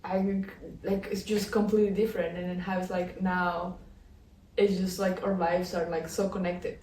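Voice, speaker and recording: Recorded from a distance in an echoey indoor room in the Netherlands, a twenty-something Colombian podcast co-host laughs a lot and leans heavily on "like" as she chats casually. She has a lowish, darkish voice with level tone and normal speed.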